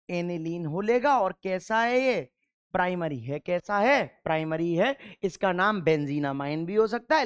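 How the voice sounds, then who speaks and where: A man's voice: sits high, clear, resonant tone, dry recording, clean studio sound. A male chemistry teacher giving a classroom lecture. He keeps asking rhetorical questions and answering them himself, and he repeats key answers patiently so the class can drill them.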